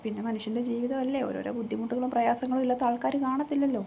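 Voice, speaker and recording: A woman's voice: fairly high pitch, steady tone, very fast, gravelly, dark tone, a little hiss or hum. A woman vlogging in a casual chat from a room at home, talking into a phone she holds herself, earnest and rambling, going over the same points again and again. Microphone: phone held in her own hand.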